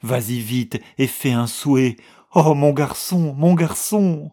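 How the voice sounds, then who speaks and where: A man putting on a shrill, feverish old woman. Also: slow, dark tone, natural voice. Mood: pleading. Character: frantic grieving old woman, mother. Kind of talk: audiobook reading.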